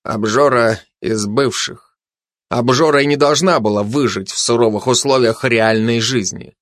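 A man narrating an audiobook story with expressive storytelling. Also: mid-range voice, normal speed, no echo, studio quality. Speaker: audiobook reader. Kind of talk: scripted narration.

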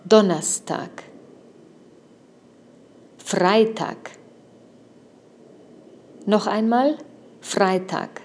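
Woman, language teacher, slow deliberate delivery, patient drills, careful enunciation. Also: medium pitch, a little mellow, husky. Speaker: German teacher.

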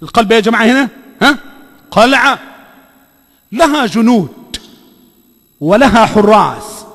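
Egyptian guy preaching, really high voice, hammers words over and over, reverb from the hall. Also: animated, measured pace, a bit bright. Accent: Egyptian Arabic. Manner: emphatic, repeats phrases, quizzes the audience. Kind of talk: sermon.

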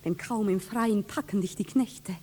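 An actress playing a proud, spirited young count's daughter in a 1960s radio play, reproachful in classic verse. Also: female voice, medium pitch, moderate pace, a little mellow, close to an everyday voice. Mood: offended. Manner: indignant, reproachful.

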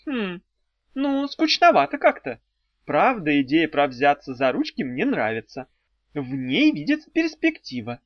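A man voicing a sassy, flighty young female secretary in a high, teasing tone. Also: huge pitch swings, a little slow, no echo. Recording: dry, slightly dull audiobook recording.

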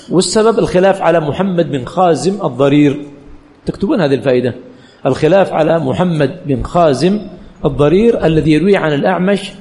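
A man's voice: fairly high pitch, dark tone, long reverb tail. A male religious teacher giving a classroom lecture, quizzing the students with questions that he answers himself and repeating key phrases.

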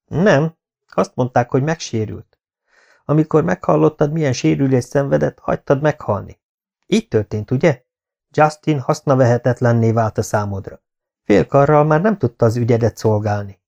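A man's voice: mid-range voice, vocal fry, lo-fi sound, pitched above the performer's own voice, lightly acted. A stern Norman baron, as a male narrator reads him. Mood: cold. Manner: soft-spoken but hard-edged. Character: stern, controlled Norman baron, adult man.

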